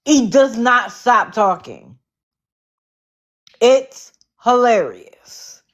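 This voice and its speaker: A woman's voice: on the high side, very slow. Sarcastic woman hosting a livestream. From Connecticut, US. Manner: sarcastic, animated storytelling. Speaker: livestream host. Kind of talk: casual livestream commentary.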